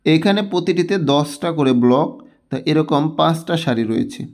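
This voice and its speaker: A man's voice: on the high side, animated, darkish tone. Patient man teaching kids math. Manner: patient, counts blocks aloud slowly. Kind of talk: children's math lesson.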